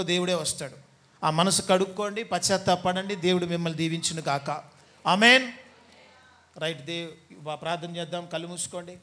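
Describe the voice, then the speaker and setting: A man's voice: high-pitched, sharp tone. A man preaching a sermon as pastor, teasing and scolding his congregation and mimicking the people he talks about. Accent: Telugu.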